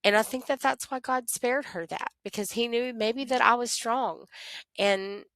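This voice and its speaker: A middle-aged woman, telling a personal story as an interview guest in animated, expressive conversation. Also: a little high, moderate pace, no echo, clean studio sound. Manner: animated, expressive, talks to herself in quoted prayers.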